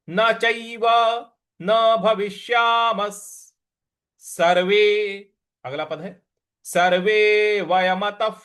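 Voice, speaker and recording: A man teaching the recitation of a Sanskrit verse, breaking words into syllables and chanting the lines slowly between quick spoken explanations in Hindi. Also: high voice, fairly bright tone. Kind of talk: slow syllable-by-syllable recitation lesson.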